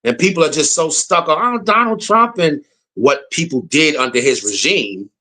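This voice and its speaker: A man's voice: a little high, lively intonation, normal speed, pushed and bright. An American man giving a blunt, slangy political rant, repeating his points for emphasis. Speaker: political commentator. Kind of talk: casual opinion rant.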